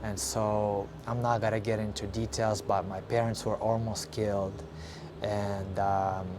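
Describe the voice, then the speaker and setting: A man's voice: fairly low pitch, level tone. Frank young man from Ukraine, noisy recording. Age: young adult. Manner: frank, halting, with frequent fillers and swearing. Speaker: vlogger. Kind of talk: candid personal storytelling. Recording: audible background noise.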